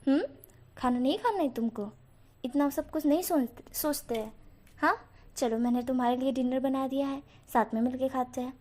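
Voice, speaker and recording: A possessive young gangster boss, curt with his men and sweetly cooing with the one he loves, as a woman reads him out. The voice sits a little high, with a mellow, soft tone. The telling sounds like a casual spoken fanfiction story. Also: moderate pace. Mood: doting.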